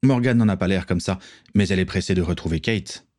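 A man's voice: deep voice, a little fast, darkish tone, lightly acted. Narrator doing chill pirate guy, voice pushed up, reassuring, storybook style. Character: relaxed friendly male pirate.

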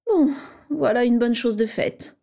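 A woman reading the lines of a smug, playful teenage boy wizard in a storybook reading, in a raised, mellow voice. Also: fairly high pitch, a little slow, vocal fry, pitched above the performer's own voice. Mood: smug teasing. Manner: playful, self-satisfied.

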